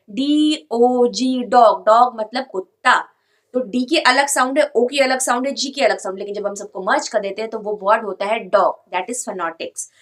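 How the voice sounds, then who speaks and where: A woman's voice: on the high side, fairly bright tone. A young woman teacher explaining a lesson step by step and often checking that her students follow.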